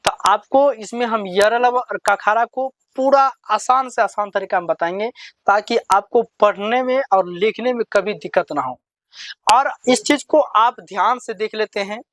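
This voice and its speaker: A man's voice: high-pitched, fairly bright tone, no room sound. Patient male teacher drilling letters. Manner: call-and-response, asks and answers himself; talks to children, slow and repetitive.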